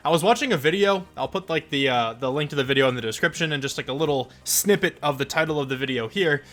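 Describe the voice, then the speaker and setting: A man's voice: on the high side, fast talker, a bit bright. Congested young man narrating gameplay. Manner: chatty, rambling, lots of fillers. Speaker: gaming channel host. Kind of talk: casual let's play commentary.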